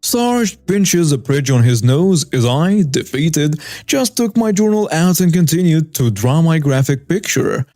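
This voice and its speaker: A man narrating a reader-submitted story in a steady, matter-of-fact way. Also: on the high side, measured pace, hardly any pauses, dry recording.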